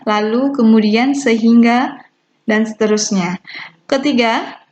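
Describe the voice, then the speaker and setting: A woman teacher giving a recorded lesson, explaining step by step with slow, deliberate delivery and small fillers. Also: a little high, a little mellow. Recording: dull lo-fi recording with faint hiss.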